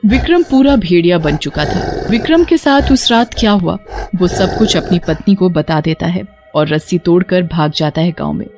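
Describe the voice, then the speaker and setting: A woman narrating an animated horror story in a steady, even storytelling manner. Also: on the low side, moderate pace. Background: faint music.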